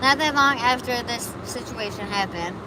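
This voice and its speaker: With a slightly high voice at a normal speed, a chatty woman from Buffalo, New York, streams live amid traffic. As host, she rambles through a casual chat, reacting to comments and answering viewers.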